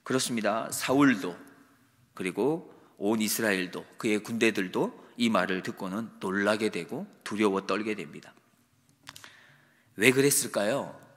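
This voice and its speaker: A man who is a pastor, giving a morning devotional sermon in a steady, explanatory way and asking the listeners rhetorical questions. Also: fairly low pitch, measured pace. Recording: long reverb of a large hall.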